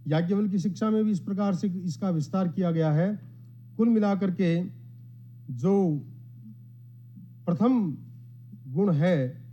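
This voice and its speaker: Man, formal lecture, measured explanatory delivery, fairly high voice, muffled lo-fi sound. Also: warm tone. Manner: measured, explanatory, quotes Sanskrit verses; modest, addresses the gathering. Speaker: academic speaker at a conference. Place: conference hall. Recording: dull lo-fi sound.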